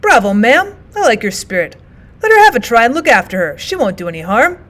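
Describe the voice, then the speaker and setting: A well-bred storybook gentleman out motoring, as a woman reader plays him. He is sympathetic and solicitous, with polite exclamations and a lightly raised pitch. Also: big pitch swings, brisk. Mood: hearty approval.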